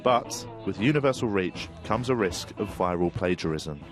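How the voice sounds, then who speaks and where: A man's voice: deep voice, lively intonation, normal speed, over music. A man reporting on comedy in scripted narration, with a wry, self-mocking manner. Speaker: technology reporter.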